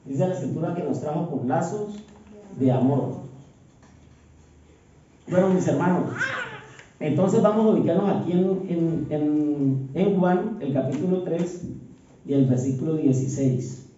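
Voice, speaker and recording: A man's voice: a little high, mellow, a little hiss or hum. A man preaching a sermon in a church, often checking in with his listeners with a rhetorical "¿sí?". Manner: reads scripture slowly with stress. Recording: echoey church hall, distant dull mic.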